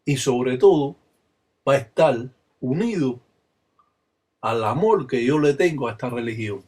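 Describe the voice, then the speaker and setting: Husky older Cuban man preaching solemnly. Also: mid-range voice, expressive, unhurried, darkish tone. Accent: Cuban Spanish. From Cuba. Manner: solemn, insistent, bursts into rhythmic chanted call-and-response phrases. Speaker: religious elder and teacher. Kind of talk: spoken religious teaching with ritual chanting.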